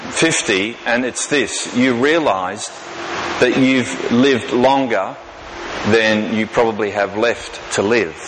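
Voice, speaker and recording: A man, preaching a sermon in a folksy, self-deprecating way, slowing down to repeat key lines for emphasis. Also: on the low side. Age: 50s. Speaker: pastor. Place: large church hall. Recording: reverberant hall with background noise.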